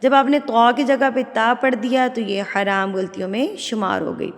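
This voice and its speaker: A woman's voice: on the high side, fairly even intonation. Patient woman Quran teacher, reverberant sound. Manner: patient, repeats letter sounds to drill them; explains step by step, asks "theek hai?" often. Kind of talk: tajweed lesson for beginners.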